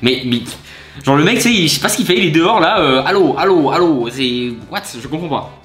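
A man's voice: fairly high pitch, sing-song, a bit bright, faint music behind. A young man chatting casually and laughing as he reacts to fans' voice messages. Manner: chatty, laughs often, quick asides. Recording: roomy echo.

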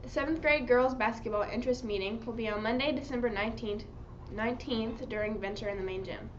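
A woman's voice: on the high side, fast talker. Young female announcer on a school broadcast. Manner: steady, scripted reading. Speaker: student announcer. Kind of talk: reading school morning announcements. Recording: dull lo-fi school broadcast with faint hiss.

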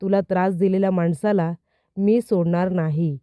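A caring young woman speaks with affection and a fierce protective streak, read out by a female narrator. Her voice is dark and mellow, and the recording is dry. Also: lowish voice, fairly even intonation, normal speed, smooth, no room sound, lightly acted.

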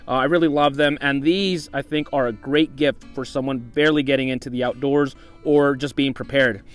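A man's voice: medium pitch, fairly even intonation, moderate pace, soft background music. A young man hosting an outdoor vlog in the desert, talking casually about gear and often saying "once again" and "you know". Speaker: outdoor channel host.

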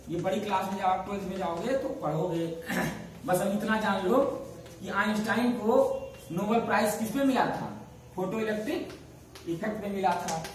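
A male science teacher leads a class from across a very echoey room, with the camera far away. He keeps asking his students questions and answering them himself, repeating every key term. Faint hiss runs under the recording. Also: high-pitched. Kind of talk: classroom lesson.

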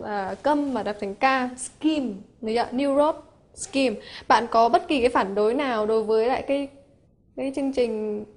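A woman with a Hanoi accent teaching English prepositions for an exam, explaining step by step and often asking if her students follow. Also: high-pitched. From Vietnam. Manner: explains step by step, asks rhetorical checks. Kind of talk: exam-prep grammar lesson.

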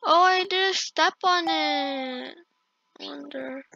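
A woman's voice: sits high, extremely slow, gravelly, sharp tone. A woman giving casual gameplay commentary, chatting and reacting aloud to herself as she plays, on a slightly lo-fi recording. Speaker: gaming video host.

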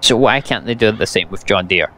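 Brisk and sharp-toned, this young Scottish man talks in a lowish register with lively intonation. A native English speaker and gaming YouTuber, he offers blunt, sarcastic commentary and vents about a farming game.

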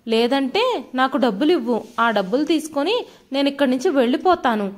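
A woman's voice: high voice, lively intonation, a little fast. Brief: tearful old village dad, begging and humble, woman narrator doing him. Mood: pleading. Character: pleading elderly village father.

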